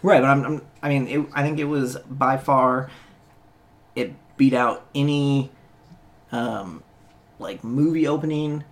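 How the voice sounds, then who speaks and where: A man's voice: mid-range voice, a little slow, long pauses. A man co-hosting a casual podcast, hesitating and restarting his thoughts. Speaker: podcast co-host. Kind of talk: casual chat.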